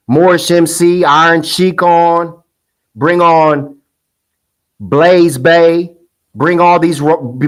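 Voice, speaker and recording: A commentary host with a fairly high-pitched voice delivers a casual, rambling monologue full of restarts, heated and scornful, slipping into sing-song mockery when quoting. The recording is low quality.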